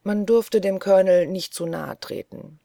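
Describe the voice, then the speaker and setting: A woman narrating an audiobook in a calm, measured storytelling manner. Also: mid-range voice, gravelly, no room sound, clean studio sound. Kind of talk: scripted narration.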